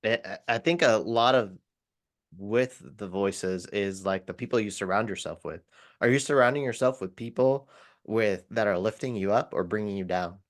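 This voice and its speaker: A man hosting a podcast, asking questions in a halting way with restarts and fillers. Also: on the low side. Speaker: podcast host. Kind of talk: casual interview questions.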